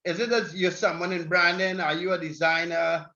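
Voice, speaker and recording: A man's voice: sits high, flat delivery, normal speed, bright, forceful tone, highs cut off. A man hosting a casual online interview, talking in a chatty, rambling way. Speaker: interview host.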